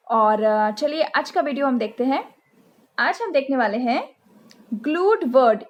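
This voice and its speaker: A woman from India hosting a channel, teaching phonics to parents and spelling letters out and repeating sounds slowly, with an Indian accent. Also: sits high. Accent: Indian English. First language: Hindi.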